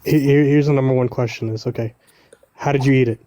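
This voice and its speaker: A man's voice: medium pitch, steady tone, fast talker, dark tone, no room sound. A man from Morocco with a North African accent tinged with Canadian, chatting casually as a caller. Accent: Moroccan North African with Canadian influence. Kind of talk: casual chat.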